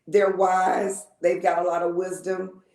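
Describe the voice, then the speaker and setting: A woman, chatting as an interview guest, repeating words and filling pauses with ums. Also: lowish voice, level tone, darkish tone, echoey room. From Lake Charles, Louisiana. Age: 50s. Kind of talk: casual interview storytelling.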